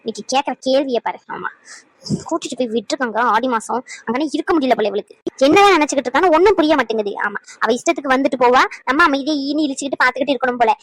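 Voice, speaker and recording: Cartoon role: a rapid-fire scolding mother-in-law, fairly high and dry. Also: expressive, no echo, poor audio. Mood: grumbling. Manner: sharp, grumbling, rapid scolding. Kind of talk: cartoon voice acting.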